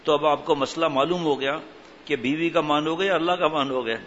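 A male preacher telling stories in a sermon, animated and humorous while stressing strict religious rulings. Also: on the high side, a little hiss or hum. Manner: animated, mixes humour with stern religious rulings. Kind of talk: storytelling sermon. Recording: reverberant hall, dull lo-fi sound.

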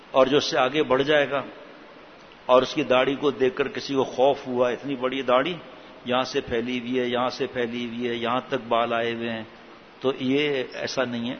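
A man giving an informal religious talk in a conversational way, with rhetorical questions and frequent restarts. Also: medium pitch. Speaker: religious preacher. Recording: dull lo-fi recording with faint hiss.

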